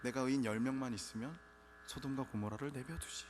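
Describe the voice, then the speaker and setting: A man voicing God as a calm, indulgent figure who gives way to a plea in a retold dialogue, speaking easily and concedingly. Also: mid-range voice, fast, noisy background, close to an everyday voice. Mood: relenting. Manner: easygoing, conceding. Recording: reverberant church hall, faint music.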